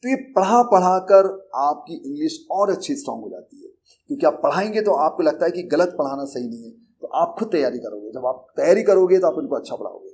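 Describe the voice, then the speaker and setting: Slightly high-voiced Indian man teaching earnestly. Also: very animated, brisk, a little mellow. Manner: earnest, repetitive, conversational teaching with English terms mixed into Hindi. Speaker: English teacher and coaching institute founder. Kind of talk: Hindi lecture on learning English.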